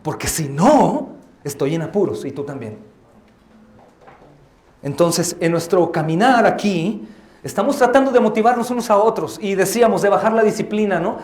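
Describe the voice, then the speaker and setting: A man preaching a sermon as pastor, impassioned and rising to loud exhortation. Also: high voice, animated, normal speed. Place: church hall. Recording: echoey church hall.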